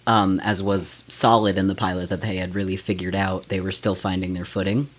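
A man co-hosting a podcast, with a slightly low voice. He talks in an easygoing way and pokes fun at himself. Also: level tone, fairly quick. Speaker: podcast co-host and writer. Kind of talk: casual chat.

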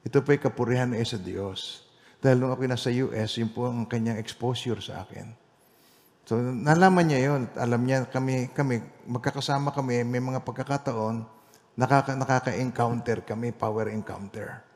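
A male pastor leading a Bible study, telling a personal testimony in an animated way that swings between loud emphasis and quiet asides. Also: medium pitch, moderate pace, in a large hall.

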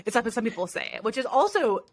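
A woman's voice: on the high side, big pitch swings, quick pace. A young woman from Ohio co-hosting a casual podcast chat, chatty and self-deprecating, laughing often. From Ohio, USA. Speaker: podcast co-host and business owner.

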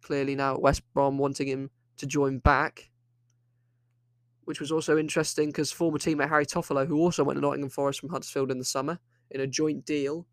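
Rambling opinionated football podcaster. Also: male voice, fairly high pitch, little pitch movement, fairly quick, no echo, studio quality. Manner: rambling, opinionated, with frequent restarts. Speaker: podcast host. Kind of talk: solo football podcast monologue.

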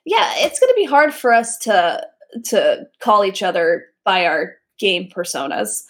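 A pregnant young woman co-hosts a casual podcast chat, laughing often and filling her speech with fillers. Her mid-range voice swings widely in pitch and moves a little slowly.

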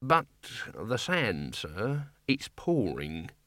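A man's voice: fairly low pitch, very animated, extremely slow, a bit bright, no echo, clean studio sound, full character voice. A man voicing an old, fawning male servant who talks nervously, pleading and stammering in an audiobook reading. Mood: deferential.

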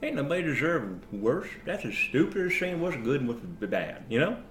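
A man doing a low, drawling crude rogue. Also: very animated, a bit bright. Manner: slow drawl, rough grammar, crude jokes. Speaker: tabletop game player. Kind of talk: in-character storytelling at a tabletop game. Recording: roomy echo, faint background noise.

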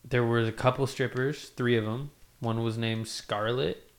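A man's voice: medium pitch, steady tone, measured pace. A man in his twenties co-hosting a podcast, bantering casually with friends like a slangy, swearing frat bro. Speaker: podcast co-host.

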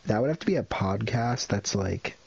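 A man's voice: on the low side, animated, normal speed, creaky, a little mellow, breathy edge, no room sound. A man co-hosting a casual podcast, trading wry, jokey banter. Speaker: podcast co-host. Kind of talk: casual chat. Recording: dull lo-fi mic.

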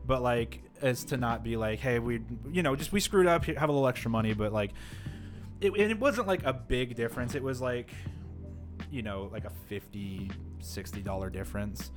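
A man's voice: mid-range voice, lively intonation, normal speed, faint music behind. Rambling man telling a work story. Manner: rambling, many "like" fillers, acts out quotes. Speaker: podcast co-host. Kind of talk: casual storytelling chat. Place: live-streamed podcast setup.

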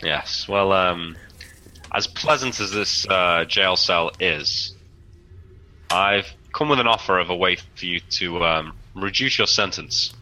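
A man playing an imposing, composed captain in tabletop role-play, speaking in a formal, measured, dryly sardonic way. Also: low voice, pushed and bright, heavily acted, poor audio. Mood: stern, sardonic. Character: imposing, composed male captain bargaining with a prisoner.

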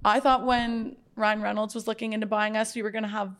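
A woman's voice: mid-range voice, level tone, brisk, fairly bright tone. A woman in her twenties from Canada, co-hosting a podcast in an upbeat, chatty way. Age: 20s. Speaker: podcast co-host. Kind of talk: casual chat.

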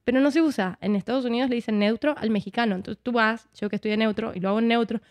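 Very fast and fairly high-pitched, a woman from Argentina talks casually in conversation as a guest; she's an actress. Her chatty speech is full of "¿no?" tags and accent switches. The audio has no echo.

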